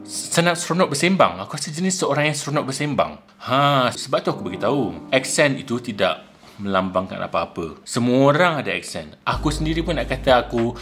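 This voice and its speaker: A young man from Malaysia with a Malaysian accent, talking casually to camera in his vlog, lively and mixing in English words. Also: brisk, soft background music. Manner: animated, mixes English into his talk, shifts pitch for emphasis. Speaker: vlogger.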